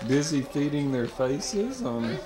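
A man's voice: a little high, sing-song, slow. A man filming a family holiday gathering, joking and narrating behind the camera, heard on an old VHS home-video tape. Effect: old VHS home-video tape sound. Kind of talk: casual home-video chatter. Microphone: camcorder microphone. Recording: hissy old VHS tape, roomy and far from mic.

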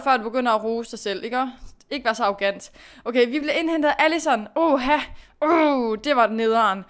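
Young woman gamer talking to herself through races, high clear voice, coaching and scolding herself. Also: fairly bright tone. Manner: self-talk, scolding and cheering herself on. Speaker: gaming youtuber. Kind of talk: casual gameplay commentary.

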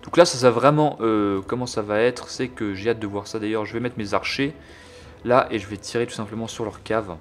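A man's voice: on the low side, a little fast. A young man casually commentating his strategy game, crude and joking while thinking aloud. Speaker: gameplay commentator. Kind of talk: casual let's-play commentary.

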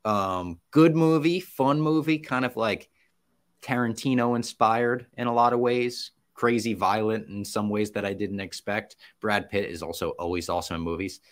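A young man hosting a podcast from a home room over a video call with a headset. His voice sits fairly low. He reviews movies in a loose, chatty way, full of "like" and "um.". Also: moderate pace. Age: young adult. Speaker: podcast host. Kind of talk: casual podcast chat.

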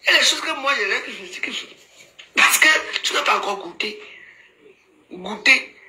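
Brief: woman, live-stream commentator, sharp bright voice, mocking and scolding, roomy phone sound. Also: on the high side, animated, normal speed. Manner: teasing, mocking, laughs often, scolding asides. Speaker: social media commentator. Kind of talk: casual Facebook live commentary. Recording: roomy echo, faint background noise.

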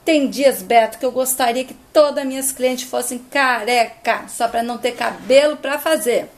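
A woman putting on a loud brassy salon owner. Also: fairly high pitch, normal speed, close to an everyday voice. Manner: loud, scolding, calling everyone "bem".

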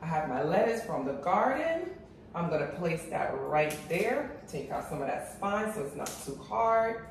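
A woman's voice: on the low side, very animated, a little slow. A woman chatting casually to her viewers in a vlog about her patio garden and kitchen. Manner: chatty, addresses viewers as guys. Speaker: cooking and gardening vlogger. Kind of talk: casual chat to camera. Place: outdoor high-rise patio, then home kitchen. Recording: echoey, mic at a distance, noisy.

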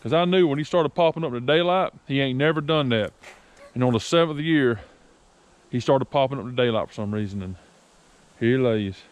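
A man from South Carolina, chatting excitedly and joking outdoors while hunting. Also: medium pitch. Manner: boisterous, joking, quick to laugh. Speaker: hunting vlogger. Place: outdoors in rural woods.

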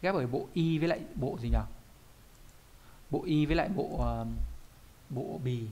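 A man's voice: a little high, moderate pace, mellow. A man, a Japanese teacher explaining kanji in an online lesson, often asking questions and answering them himself.

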